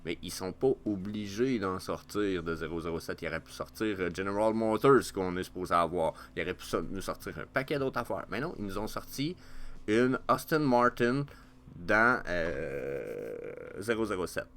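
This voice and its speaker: A man with a Quebec French accent giving casual market commentary as a vlogger, excitable and swearing freely with many fillers. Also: sits low, normal speed.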